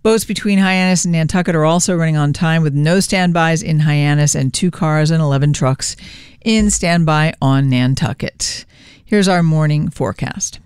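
Radio news host, mid pitch, very clear tone, dry studio sound, steady read. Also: moderate pace, no echo. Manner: steady reading, loose ad-libs. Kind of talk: local radio newscast.

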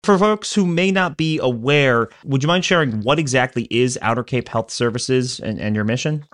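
A male radio host reading a smooth introduction and asking conversational questions. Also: medium pitch, normal speed, fairly bright tone, no echo, clean studio sound. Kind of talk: scripted intro then interview questions.

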